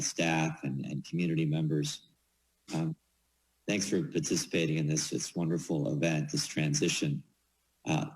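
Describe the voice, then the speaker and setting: Man, low voice, informal speech at a ceremony, halting, repeated words. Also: a little mellow, low-quality recording. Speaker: official speaking at swearing-in ceremony.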